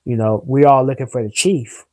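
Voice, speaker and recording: A man's voice: mid-range voice, steady tone, moderate pace, darkish tone, no room sound, poor audio. A young man in a casual talk, earnest and preachy, rambling a little and using plenty of slang. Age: young adult. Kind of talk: casual discussion.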